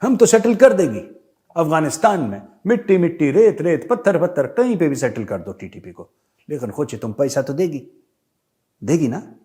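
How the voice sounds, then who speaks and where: A man's voice: sing-song, moderate pace, mellow. Brief: man impersonating a cocky Afghan haggler, Pashtun accent, raised voice. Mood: wheedling. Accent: Pashtun-accented Hindi. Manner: wheedling, mocking, higher-pitched. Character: haggling male Afghan Taliban spokesman.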